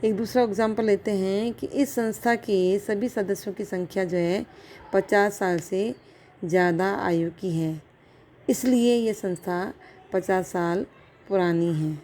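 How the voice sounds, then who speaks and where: A woman's voice: mid-range voice, fairly even intonation, a little slow, mellow, a little hiss or hum. A woman philosophy lecturer giving a recorded college lecture, explaining step by step with examples and checking in with her students.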